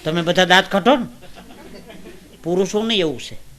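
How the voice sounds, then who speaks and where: A man tells folk comedy stories in a high, bright, ringing voice. He moves between hushed, confiding asides and loud, emotional declaiming, and he chants rhymes in a sing-song lilt. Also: moderate pace. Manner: swings from hushed asides to loud emotional declaiming, laughing at his own jokes. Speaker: stand-up comedian. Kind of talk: Gujarati folk stand-up storytelling.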